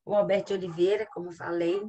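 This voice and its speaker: A woman's voice: mid-range voice, flat delivery, warm tone, slightly rough. A woman with a Brazilian accent giving a literature lecture to her class, explaining and often checking in with questions. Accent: Brazilian Portuguese. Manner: reads poems aloud slowly. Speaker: literature teacher. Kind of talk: classroom lecture over slides.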